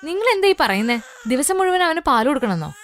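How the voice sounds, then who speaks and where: A woman's voice: high voice, sing-song, fast. A woman voicing a vain, irritable rich young mother in a cartoon story, speaking sharply and bossily. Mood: irritated.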